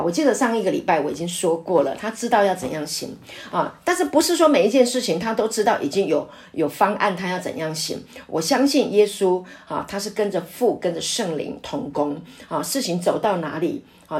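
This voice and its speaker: A middle-aged woman pastor teaching a Bible study in an earnest, personal way, often pausing on "ah" fillers. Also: fairly low pitch, expressive, darkish tone. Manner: earnest, filler-heavy with frequent "ah", testimony-driven.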